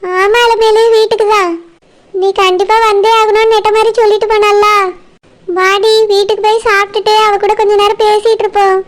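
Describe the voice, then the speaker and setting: Cartoon village friend, gentle and comforting, Kanyakumari accent, very high voice, woman voicing. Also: flat delivery, a little fast. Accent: Kanyakumari Tamil.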